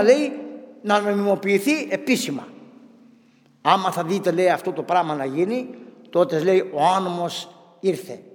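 Fervent high-voiced priest in reverberant church. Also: male voice. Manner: fervent, preaching with rising emphasis. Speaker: Orthodox priest. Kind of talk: sermon.

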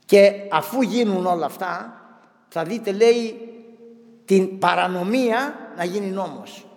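A man with a high voice preaches a fervent sermon as a priest. His voice rises and presses with emphasis. The long reverb of a church hangs behind every phrase. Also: vocal fry, darkish tone. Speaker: Orthodox priest.

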